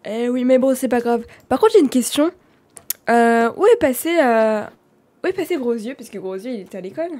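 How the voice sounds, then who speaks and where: Animated French woman streamer. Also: a little high. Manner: animated, dramatic, quick swings in loudness. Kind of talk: live game role-play.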